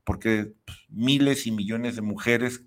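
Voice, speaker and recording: Hesitant low-voiced man hosting. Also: fairly even intonation, a little slow. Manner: hesitant, searches for words. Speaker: radio show host. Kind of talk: conversational interview.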